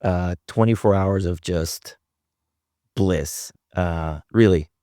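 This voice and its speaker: Co-host, man with a low voice, blunt and jokey, dry close mic. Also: slow pace, warm tone, dry recording. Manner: blunt, joking, profane. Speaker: podcast co-host. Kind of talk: casual podcast chat. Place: house in Texas Hill Country.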